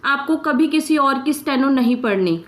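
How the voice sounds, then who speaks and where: A woman's voice: sits high, expressive, moderate pace. A woman teaching a shorthand class, explaining step by step and checking in with her students often. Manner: patient, checks in with "ठीक है?" often. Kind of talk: explaining lesson in mixed Hindi and English.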